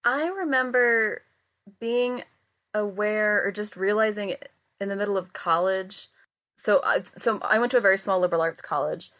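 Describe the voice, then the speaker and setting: A woman's voice: medium pitch, normal speed, fairly bright tone. A young woman chatting casually on a podcast, telling a story in a thoughtful, reflective way.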